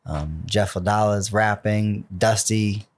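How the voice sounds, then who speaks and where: A man's voice: on the low side, measured pace. A young man hosting a podcast in a loose, rambling chat full of fillers. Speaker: podcast host. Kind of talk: casual chat.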